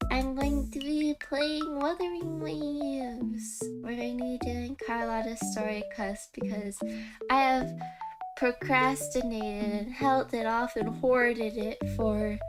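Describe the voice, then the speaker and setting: A high-pitched woman's voice speaks slowly with fairly even intonation. She hosts a livestream as a game streamer, chatting in a casual, cutesy style, and music plays under her voice in the background.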